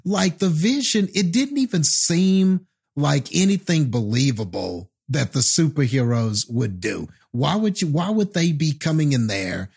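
A male podcast co-host talking through a film in a casual chat. His voice sits a little high, and he keeps asking questions with an animated, laughing energy. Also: a little slow, creaky, breathy edge. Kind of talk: casual movie review chat.

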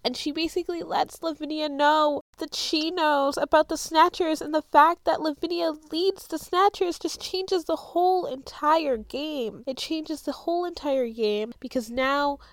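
A young woman recaps a TV episode with heated, emphatic passion, often repeating a phrase to drive it home. Her voice sits a little high and sounds dry and close to the mic. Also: fairly even intonation, measured pace, few pauses, dry recording.

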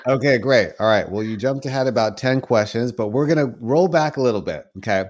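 A man's voice: medium pitch, fairly quick, darkish tone. A man hosting an interview podcast, introducing his guest like a showman and then asking questions. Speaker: podcast host.

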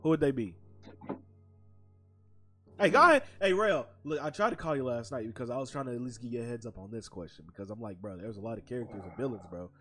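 A man's voice: medium pitch, lively intonation, fast, pauses often, pushed and bright, soft background music. An American man hosting a casual podcast with friends, slangy and insistent, repeating phrases for emphasis. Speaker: podcast host.

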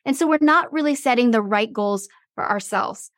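Woman, forties, interview guest, lively storytelling, slightly high voice, dry close mic. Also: normal speed, no room sound. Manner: animated, acts out her own inner thoughts. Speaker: guest, business owner.

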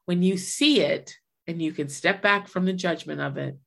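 A woman's voice: on the low side, normal speed, gravelly, a bit bright. A woman in her forties in casual, earnest conversation, reflecting aloud with many restarts. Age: 40s. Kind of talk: casual chat.

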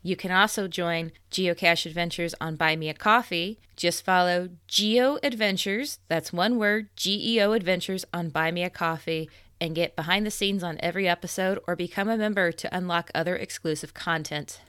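A woman's voice: lowish voice, moderate pace, few pauses, fairly bright tone, smooth, no room sound. Female podcast host, friendly scripted delivery, dry close mic. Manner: friendly, scripted intro reading. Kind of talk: podcast intro and interview.

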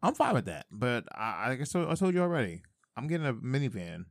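A man's voice: mid-range voice, wildly swooping pitch, brisk, vocal fry, no echo, studio quality. Rambling, joking male podcast co-host. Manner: rambling, joking, frequent stammered restarts. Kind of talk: casual chat.

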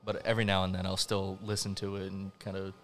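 A man speaks in a lowish, very even voice as a band's drummer being interviewed. His talk is casual and slangy, with some swearing. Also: fast. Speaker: band drummer, podcast guest. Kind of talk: casual chat.

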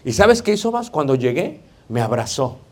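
A man's voice: mid-range voice, very animated, moderate pace, a little mellow. A man with a Mexican Spanish accent preaching a sermon in a conversational, joking way, often calling out to the congregation. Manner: conversational, joking, keeps addressing the congregation as brothers.

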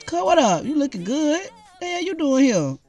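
A woman plays a brash, welcoming family hostess in a screen drama. Her voice is on the low side and slangy, over faint music. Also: lively intonation, a little fast. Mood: brash, familiar. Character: brash, welcoming female cousin, busy hostess at home. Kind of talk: naturalistic screen drama dialogue.

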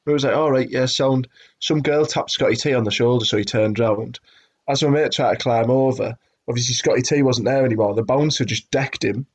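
A young man chats casually on a podcast. He tells stories with plenty of swearing, in a mid-pitched, everyday voice. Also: fairly quick. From Middlesbrough, England. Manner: storytelling, swears freely. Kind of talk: casual chat.

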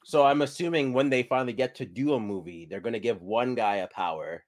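Male co-host, mid-pitched, relaxed and opinionated, restarts a lot. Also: fairly quick. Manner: laid-back, opinionated, with frequent restarts. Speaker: podcast co-host. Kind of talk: casual chat.

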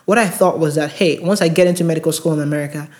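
This premed advice podcast comes from a non-US male host who races through a casual monologue in a steady, slightly mellow, rather high voice. He sounds earnest and emphatic, repeating words to stress them, recorded on a handheld recorder mic.

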